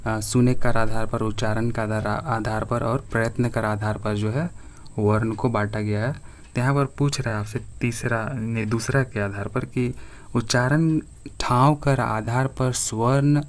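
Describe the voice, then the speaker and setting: A man teaching an exam-preparation grammar lesson to his viewers, reading each question slowly and clearly before explaining it. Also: mid-range voice, fairly even intonation.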